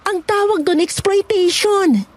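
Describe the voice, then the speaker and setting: A woman's voice: very high voice, a little slow. A woman playing a determined young nurse heroine in a horror audio drama, anxious and fierce. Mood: defiant.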